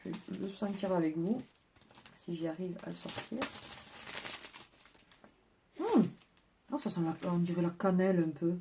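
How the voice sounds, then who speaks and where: At home, a woman with a lowish, mellow voice chats through her haul for viewers, presenting each purchase in turn. She speaks at a measured pace with long pauses, and there's slight background noise.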